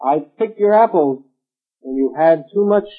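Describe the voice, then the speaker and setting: A man's voice: fairly high pitch, expressive, a little slow. A man playing an earnest, pleading young girl. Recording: tinny phone-like line.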